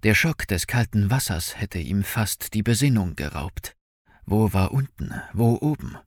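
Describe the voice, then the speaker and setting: A man narrating an audiobook with expressive, dramatic storytelling. His fairly low voice ranges widely in pitch, and the recording is dry and close, with no room sound. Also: measured pace, no echo.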